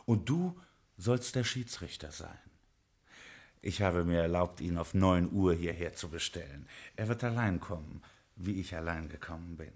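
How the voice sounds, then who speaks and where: In a 1950s radio crime play, an actor voices a smooth-talking Prohibition gangster boss who is persuasive and jovial. His male voice sits low, with a darkish tone and a moderate pace.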